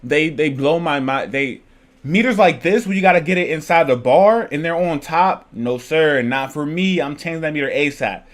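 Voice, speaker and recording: A man hosting a casual reaction video, talking in a loose, rambling, excitable way. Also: on the high side, normal speed. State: out of breath. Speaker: channel host reacting to a video.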